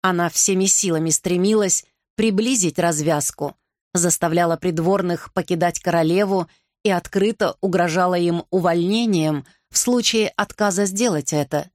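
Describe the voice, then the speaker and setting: A woman reading a historical novel aloud in an even, measured narration. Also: on the low side, no echo, studio quality. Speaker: audiobook narrator. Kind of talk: scripted narration.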